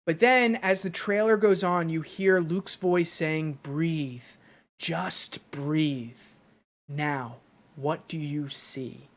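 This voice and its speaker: A solo podcast host talking through ideas at length, rambling as the thoughts form. The pitch sits in a middle range. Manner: rambling, thinks aloud while theorizing.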